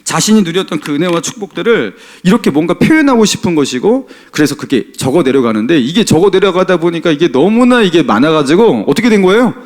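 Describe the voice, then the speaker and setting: A male pastor giving a Sunday sermon in a conversational style. He often turns to the congregation with questions and chuckles now and then, and his voice moves between emphatic raised lines and soft, low asides. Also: very animated, quick pace, hardly any pauses. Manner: chuckles while talking.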